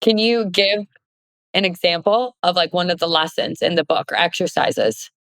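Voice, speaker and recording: A woman's voice: on the low side, moderate pace, a bit bright, no echo. A woman hosting a casual podcast interview, asking questions and responding with enthusiastic affirmations. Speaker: podcast host.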